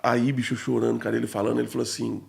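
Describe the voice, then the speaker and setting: A man's voice: mid-range voice, little pitch movement, very fast, creaky. A man talking as a podcast guest, telling an emotional story in a slangy, casual way full of fillers.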